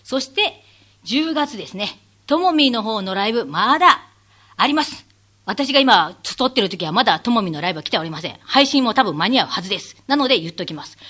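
A woman hosts her own show and tells stories on her own, slipping into the voices of the people she quotes. Her voice sits on the high side and leaps around a lot. She laughs often as she talks. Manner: animated storyteller who acts out quotes with big pitch leaps; laughs often while talking. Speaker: radio show host; stage manager. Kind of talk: casual solo talk-show monologue.

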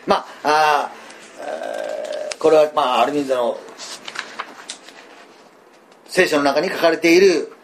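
Older kansai guy preaching, a bit high voice, folksy and rambling with lots of ums. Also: normal speed, gravelly, slight background noise. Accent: Kansai (Osaka dialect). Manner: folksy, animated storytelling with many fillers. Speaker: pastor. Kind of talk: sermon.

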